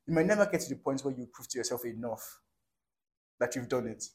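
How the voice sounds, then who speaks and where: A man co-hosting a podcast talks fast in a mid-range voice with lively intonation. In casual conversation he's earnest and rambling, repeatedly asking "do you understand" to make sure he's being followed.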